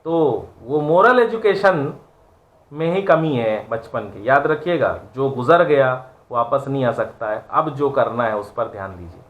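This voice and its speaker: A man's voice: mid-range voice, expressive, measured pace. Earnest man giving a moral lecture. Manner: earnest, preachy, rhetorical questions. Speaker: online class teacher.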